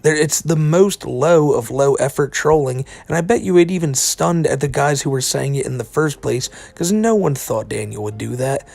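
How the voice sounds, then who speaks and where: A man's voice: medium pitch, normal speed, gravelly, hardly any pauses, a little mellow, no room sound. A man giving casual, incredulous commentary on internet drama, with a sardonic, informal way of talking and some casual swearing. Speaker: commentary video narrator.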